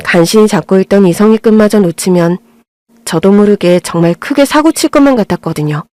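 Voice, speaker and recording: A woman's voice: mid-range voice, animated, fairly quick, darkish tone, no echo. A woman in her thirties narrating her own story in an earnest, confessional audio drama.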